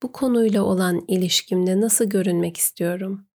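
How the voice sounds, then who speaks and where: A woman narrating a guided meditation, giving gentle, unhurried instructions with pauses. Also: mid-range voice.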